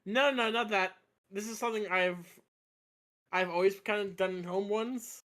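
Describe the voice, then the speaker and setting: Guy dm with a pretty high voice, giggly, trips over his words a bit. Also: steady tone, moderate pace, a bit bright. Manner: laughs often, stammers on restarts. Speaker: game master. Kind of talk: running a tabletop game.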